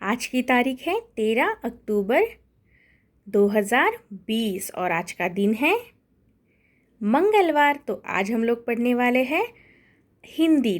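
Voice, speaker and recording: A young woman with an Indian accent, teaching a slow recorded Hindi lesson to young children with patient drawn-out syllable drills. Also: a little high. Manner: patient, drawn-out syllable drills, frequent "ठीक है?" check-ins. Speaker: primary school Hindi teacher.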